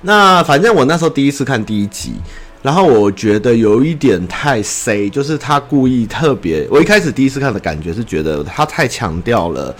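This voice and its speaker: A man's voice: mid-range voice, very animated, brisk. A young man from Taiwan, hosting a podcast in casual chat, rambling and blunt, with swearing and mocking voices. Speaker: podcast host. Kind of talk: casual chat about anime.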